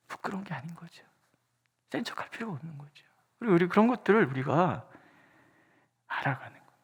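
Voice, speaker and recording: A pastor preaches at an early morning prayer service in a husky, breathy voice. The pitch swings widely as the pastor talks through everyday feelings and asks soft questions aloud. Many phrases sink into a near whisper. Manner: conversational, acts out inner questions softly. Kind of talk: dawn prayer sermon. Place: church.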